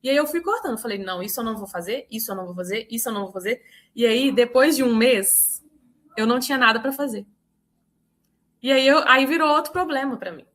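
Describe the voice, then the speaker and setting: A woman with a Mineiro accent, a book club participant, tells stories from work on a video call in Portuguese. She is animated and talks quickly in a fairly high voice, quoting herself and others as she acts out their lines.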